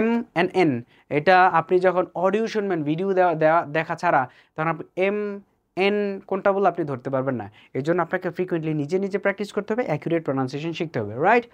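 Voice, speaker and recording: Brief: Bangladeshi-accented English teacher, mid-pitched voice, slow, careful reading of example sentences, joking asides. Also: highs cut off. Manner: reads English examples slowly, mixes English into Bangla, playful asides. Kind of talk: spoken English lesson.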